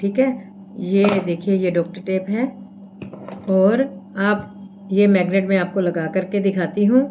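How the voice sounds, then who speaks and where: Speaking in a mid-range voice with fairly even intonation and no hurry, an Indian woman walks viewers through acupressure as she demonstrates it. She often checks in and keeps repeating "theek hai" in this casual lesson. The highs are cut off, and there's a little hiss or hum.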